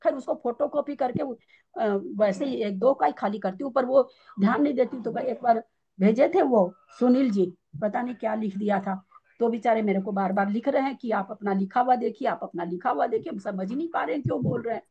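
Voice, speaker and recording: Chatty woman teacher, kinda husky voice, on the higher side, keeps restarting lines and giving kitchen examples. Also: brisk, mellow, lo-fi sound. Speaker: scripture class teacher. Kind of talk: casual teaching talk.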